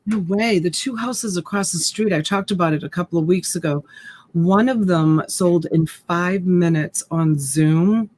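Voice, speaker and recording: A woman in her fifties hosts a casual live stream as a reseller, rambling and chatting with viewers while reading their comments into a USB desk mic. Her voice is fairly low and darkish, and she speaks a little slowly.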